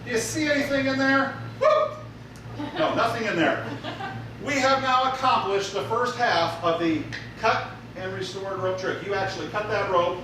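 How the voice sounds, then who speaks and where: A man's voice: sits high, normal speed. A man working as a stage magician, giving jokey live show patter as he teases a volunteer and plays to the audience. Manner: jokey showman teasing a volunteer, announcing to the crowd. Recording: echoey theater from far off, noisy.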